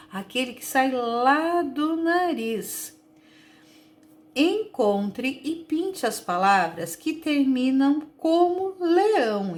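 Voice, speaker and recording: A woman teacher with a Brazilian Portuguese accent, slowly and patiently sounding out words for young children in a recorded lesson. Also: high voice. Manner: slow, patient, sounds out words and stretches syllables. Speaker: primary school teacher.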